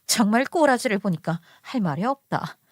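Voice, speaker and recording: A woman's voice: medium pitch, animated, moderate pace, no echo, clean studio sound, close to an everyday voice. A woman voicing a haughty, snobbish middle-aged mother-in-law who talks down with scornful insults, in a told story. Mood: contemptuous.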